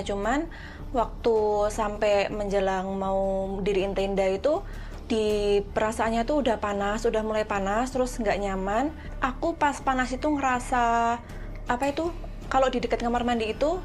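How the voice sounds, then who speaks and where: A young woman giving a casual, halting testimony about being possessed at a camp, often repeating herself as she recalls. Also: on the high side, a little mellow, soft background music. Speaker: interviewee recounting a camp possession.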